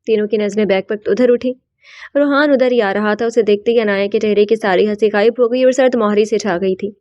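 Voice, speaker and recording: A woman narrating a novel in an even, storytelling manner for an audiobook. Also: medium pitch, dry recording. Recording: dull, slightly lo-fi.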